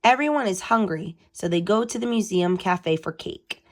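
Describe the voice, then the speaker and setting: A woman host reading a storybook aloud for children, animated and asking her listeners questions. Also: mid-range voice, moderate pace.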